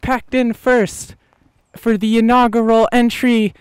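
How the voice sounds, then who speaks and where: A man voicing a hyped male monster truck arena announcer in an improvised role-play, with a drawn-out, booming showman delivery. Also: level tone, smooth, no echo.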